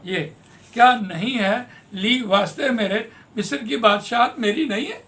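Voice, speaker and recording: A man teaching Quran translation in a classroom lesson, patiently explaining grammar and repeating words slowly. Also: high voice, gravelly, fairly bright tone.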